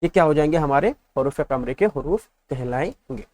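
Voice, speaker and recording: A man's voice: a little high, animated, moderate pace, a little mellow. A male teacher giving an exam-prep lesson, patiently drilling letters in repeated lists and asking the class check questions.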